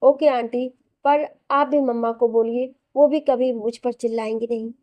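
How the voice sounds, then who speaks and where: A woman's voice: on the high side, fairly even intonation, moderate pace, dry recording, dull audio, close to an everyday voice. A woman voicing a mischievous three-year-old boy who talks in an innocent, childish way. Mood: pleading innocent.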